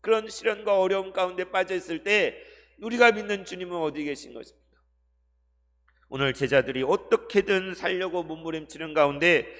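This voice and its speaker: High-voiced male pastor preaching. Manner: addresses the congregation with rhetorical questions; dramatic shifts between loud and soft delivery. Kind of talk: Sunday sermon. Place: church sanctuary. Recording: long hall reverb.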